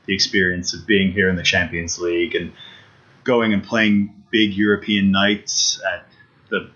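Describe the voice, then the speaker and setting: Low-voiced man in lo-fi football chat. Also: flat delivery, a little slow, a bit bright. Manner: eager, repeats himself, many restarts and fillers. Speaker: podcast co-host. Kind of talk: casual sports chat. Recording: dull lo-fi podcast audio.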